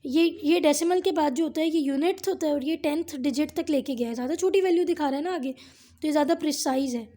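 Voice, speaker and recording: A woman's voice: high-pitched, dark tone. A woman teaching a physics lesson step by step, often checking in with her students. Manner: explains step by step, reads English textbook lines slowly.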